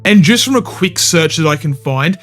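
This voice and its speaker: Opinionated high-voiced male games commentator. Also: animated, moderate pace, a bit bright, soft background music. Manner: opinionated, blunt, swears casually. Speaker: gaming commentary channel host. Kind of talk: scripted video commentary.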